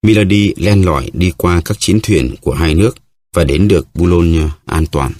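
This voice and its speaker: A man narrating an audiobook novel in a steady storytelling manner. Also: sits low, normal speed, dry recording, clean studio sound. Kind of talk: scripted narration.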